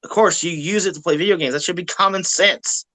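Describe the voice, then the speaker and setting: A man's voice: high voice, a little fast, pushed and bright, dry recording, rough recording. A man chatting casually on a live stream, blunt and profane, laughing often.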